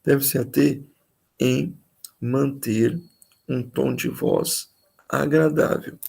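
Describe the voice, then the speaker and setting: Man, pastor, very gravelly voice, teaching in a chatty way, repeats his points. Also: mid-range voice, steady tone, slow, a little mellow, rough recording. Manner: conversational, repeats key phrases for emphasis. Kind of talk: teaching tips on preaching. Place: live-streamed church talk.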